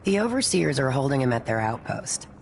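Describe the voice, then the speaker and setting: Casting: shady gang woman for a game, very low and creaky, blunt, conniving, music underneath. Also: big pitch swings, fairly quick, slight background noise, heavily acted. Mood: sly, bargaining. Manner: blunt, sly. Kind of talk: video game character dialogue.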